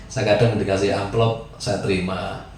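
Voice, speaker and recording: A man from Central Java spins a long personal tale in relaxed conversation, slipping into other people's voices as he goes. The room rings with heavy echo, and a steady noise sits under his voice. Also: low-pitched, normal speed. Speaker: guest storyteller. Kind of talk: casual storytelling chat.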